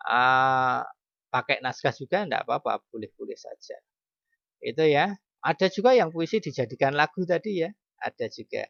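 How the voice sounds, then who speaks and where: Middle-aged male teacher, bright gravelly voice, chatty online lesson with questions to the class, lo-fi call mic. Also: medium pitch, no room sound. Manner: chatty, self-correcting, asks questions. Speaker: primary school teacher. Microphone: computer mic on video call.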